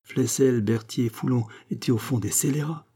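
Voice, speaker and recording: A man's voice: mid-range voice, normal speed, mellow, slightly rough, close to an everyday voice. A man voicing a naive, eager young country lad in an audiobook.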